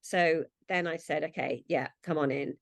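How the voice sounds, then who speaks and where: Chatty woman, low dry voice. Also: moderate pace, no echo. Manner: chatty, acts out quoted thoughts. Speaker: brand founder, podcast guest. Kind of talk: casual interview chat.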